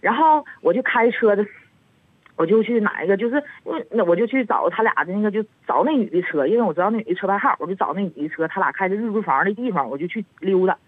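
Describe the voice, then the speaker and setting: A woman's voice: mid-range voice, lively intonation, fast talker, slightly rough, dry recording. A woman in her thirties with a Northeastern Mandarin accent, calling an advice show and telling her story in a heated rush, acting out both sides of each argument. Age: 30s. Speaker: caller. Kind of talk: phone-in advice call. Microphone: telephone. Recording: tinny dry phone line.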